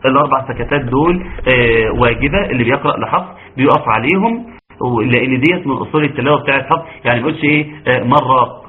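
A man with an Egyptian accent teaching Quran recitation in an online class, breaking into chanted examples between quick explanations. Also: mid-range voice, animated, slight background noise. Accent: Egyptian Arabic. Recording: tinny phone-like online audio.

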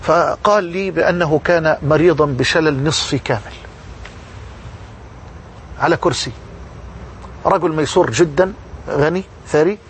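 Egyptian preacher guy, pretty high voice, fervent storytelling sermon, faint hiss behind. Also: normal speed, long pauses. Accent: Egyptian Arabic. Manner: fervent, storytelling, repeats for emphasis.

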